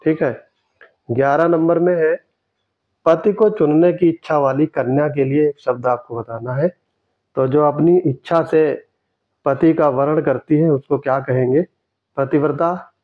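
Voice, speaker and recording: Man, exam tutor, steady explaining voice, repeats key words, slightly dull lo-fi sound. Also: a little high, unhurried. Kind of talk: explaining test answers.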